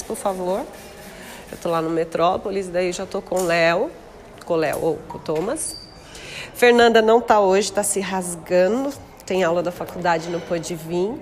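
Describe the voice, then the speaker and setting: A woman's voice: fairly low pitch, slight background noise. A woman with a Brazilian accent hosting a casual gossip podcast, talking in a slangy, teasing way and laughing easily. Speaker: podcast host.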